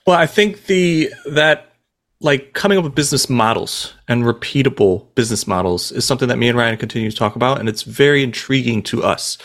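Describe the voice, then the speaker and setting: A man co-hosting a podcast in a casual chat at a middle pitch. He speaks thoughtfully and hesitantly, often stopping to search for words and leaning on "like" as he goes. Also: expressive, brisk, a bit bright. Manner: frequent filler "like". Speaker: podcast co-host.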